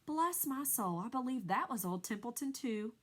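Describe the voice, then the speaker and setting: Grumpy rat mocking everybody as a woman reads him, high and snide. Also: lively intonation, moderate pace. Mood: sarcastic. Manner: sneering and mocking. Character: grumpy, lazy, sarcastic male rat. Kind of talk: storybook read-aloud.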